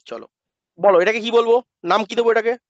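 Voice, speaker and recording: A male math teacher giving a classroom lecture, asking questions and answering them himself as if he were a student, and drilling pronunciation slowly. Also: high-pitched, dry recording. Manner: asks and answers his own questions in students' voice. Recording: dull lo-fi dry sound.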